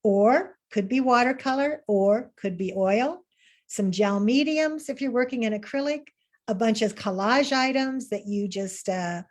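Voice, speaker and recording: A woman's voice: fairly high pitch, unhurried. A woman teaching an online art class, talking in an upbeat, encouraging way with fillers and restarts over a video call. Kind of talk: webinar lesson.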